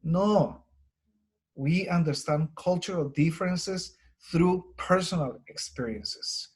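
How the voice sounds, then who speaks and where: A man's voice: on the high side, takes it slowly, darkish tone, breathy edge. A man from Colombia with a strong Colombian Spanish accent, presenting a teacher webinar in an earnest, conversational way with many fillers.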